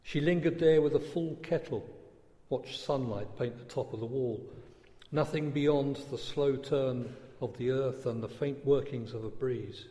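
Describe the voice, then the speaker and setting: Man, story narrator, measured reading, medium pitch, long reverb. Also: warm tone.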